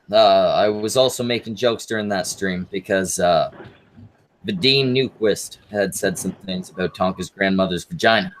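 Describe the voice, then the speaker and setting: A man with a slightly low voice hosts a casual livestream. He talks in halting bursts and swears freely, as if chatting on an online group call. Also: slight background noise. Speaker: livestream host.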